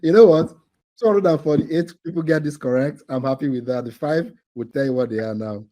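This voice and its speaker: A man's voice: fairly high pitch, fairly quick, dark tone, low-quality recording. A man hosting a live online quiz for a training cohort over a video call, teasing the players and laughing often.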